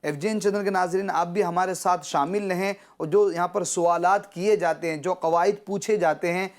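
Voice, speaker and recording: A man teaching children Quran pronunciation, patiently checking understanding and drawing out syllables slowly when he models them. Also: on the high side. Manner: patient, repeats "theek hai?" to check understanding. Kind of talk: children's Quran recitation lesson.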